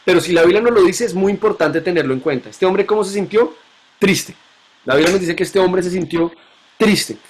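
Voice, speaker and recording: A man's voice: high voice, brisk, breathy edge. A man teaching a Bible lesson to a class, asking questions and repeating key points.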